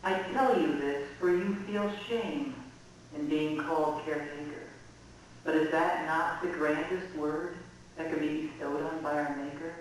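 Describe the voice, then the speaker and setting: A man reciting the part of a kindly, solemn ghostly chief who gives measured counsel in rhyming poetry. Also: on the high side, steady tone, lightly acted. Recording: echoey room from far off, faint noise.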